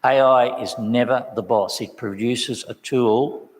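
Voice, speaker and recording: A man's voice: medium pitch, steady tone, unhurried. A man speaking on a conference panel, emphatic and insistent as he makes his closing point. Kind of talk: panel discussion remarks. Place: large event hall. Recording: long hall reverb.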